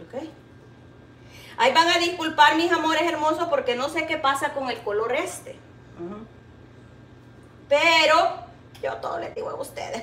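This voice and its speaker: A woman with a Salvadoran Spanish accent chats casually with her viewers while cooking at home, animated and affectionate. Her voice sits a little high and off-mic, in a roomy kitchen with a faint hum behind her. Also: distant mic. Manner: chatty and animated, teasing, addressing viewers with pet names. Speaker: cooking vlogger. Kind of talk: casual live cooking chat.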